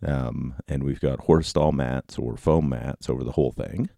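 A man hosting a podcast solo in a casual, rambling way, with halting, informal delivery. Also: a bass voice, fairly even intonation, gravelly, mellow, no echo. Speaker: podcast host. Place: basement office at home. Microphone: close podcast microphone.

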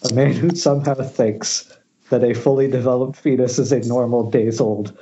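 The call is dull and noisy as a man narrates screen directions for an informal table read, stumbling slightly in the dramatic reading. He speaks at normal speed with a medium pitch and a steady, mellow tone.

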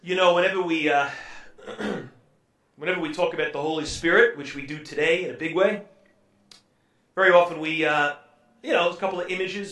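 Man, pastor, sermon storytelling, relaxed and chatty with fillers, distant mic, roomy echo. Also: a little high. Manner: conversational, with frequent ums and uhs. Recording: echoey room, voice from far off.

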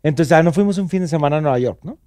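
A man telling a story in an animated, casual way, his pitch climbing and falling all the time. He swears now and then as he talks. The sound is close and dry. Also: racing, no echo. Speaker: theater producer. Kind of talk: casual chat.

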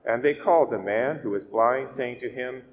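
A male priest reading the gospel and preaching a weekday homily at a steady, measured pace, his voice ringing with a long cathedral echo. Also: medium pitch, dull audio. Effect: long cathedral-style echo. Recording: echoey church hall with faint hiss.

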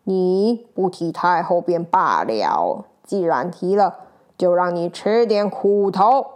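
A stern male judge from an old story, slow and loud, barking out demands in a lowered voice, as a woman puts him on. He is upright and unbending. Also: fairly even intonation.

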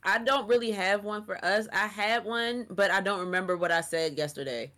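A woman's voice: mid-range voice, normal speed, fairly bright tone. A young woman co-hosting a podcast in casual, playful, slangy banter. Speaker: podcast co-host.

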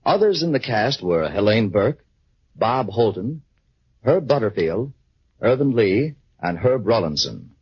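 A man's voice: fairly low pitch, very animated, measured pace. An American man reading scripted credits as a formal 1940s radio announcer. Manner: formal old-time radio announcer delivery. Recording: dull, husky old radio recording.

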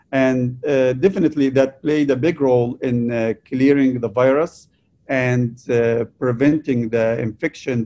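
A young man from Egypt answering interview questions about his vaccine research, halting often with fillers and restarts. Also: mid-range voice, mellow. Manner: hesitant, many fillers and restarts.

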